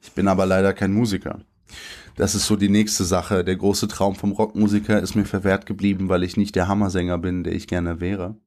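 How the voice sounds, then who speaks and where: A man who is a poet, talking thoughtfully about his writing in an interview, with some halting restarts. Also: sits low, level tone, a little mellow. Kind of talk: conversational interview, then poetry reading.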